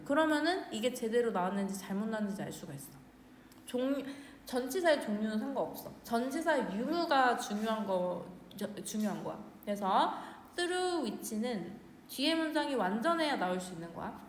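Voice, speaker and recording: A woman's voice: a little high, lively intonation, a little hiss or hum. Korean woman teaching English in a reverberant room. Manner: casual, asks questions and answers them herself; reads English phrases slowly, then translates. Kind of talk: explaining an English exam passage line by line. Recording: roomy, reverberant with faint ambience.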